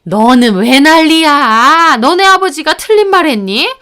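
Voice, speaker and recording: Woman voicing a high, scornful mother-in-law for a narrated story, scolding and sneering. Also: lively intonation, a little slow, bright, forceful tone, full character voice. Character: scornful middle-aged mother-in-law, sharp-tongued.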